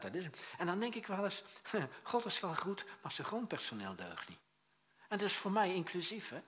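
A male preacher delivers a lively sermon, full of asides and restarts. His voice is bright and forceful. He swings between loud bursts and quiet, dropped phrases. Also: a little high. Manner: animated storytelling with many restarts and asides; acts out quoted voices, swings loud and soft.

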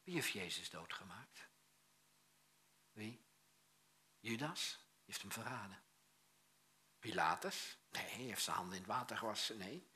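A man preaching a lively sermon in speech, telling stories with many restarts and acting out the voices he quotes. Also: lowish voice. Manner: animated storytelling with many restarts and asides; acts out quoted voices, swings loud and soft.

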